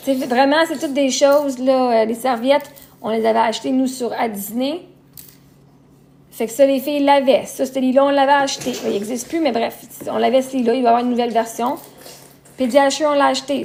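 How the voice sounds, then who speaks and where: High, gravelly Québécois woman rambling. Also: darkish tone. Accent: Québécois French. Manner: rambling, repeats herself while listing things. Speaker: live-stream host. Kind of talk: casual live-stream chat. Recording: roomy echo, faint noise.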